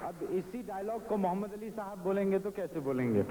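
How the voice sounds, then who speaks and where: A man's voice: high-pitched, expressive, a little fast, echoey room, a crowd in the background. Chatty male stage mimic. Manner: chatty, explanatory set-up patter. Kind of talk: live stage comedy routine. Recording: noisy old live stage recording.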